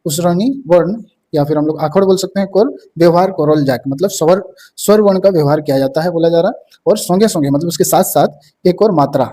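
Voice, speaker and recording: A man's voice: on the high side, a little fast, dark tone, a little hiss or hum. A young man from teaching an exam-prep lesson, explaining each term and saying "ठीक है" again and again.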